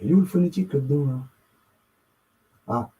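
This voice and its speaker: A man's voice: fairly high pitch, fairly quick, phone-quality sound. A man hosting his own video channel, rambling and interrupting himself as he muses aloud and mutters while he looks things up on screen. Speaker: YouTube host. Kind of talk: casual screen-share commentary.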